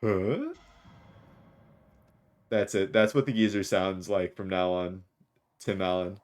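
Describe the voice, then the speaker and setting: Slow low-voiced male game streamer. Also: a little mellow. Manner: jokey, rambling, reads lines with small voices. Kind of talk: let's play commentary, reading game dialogue aloud.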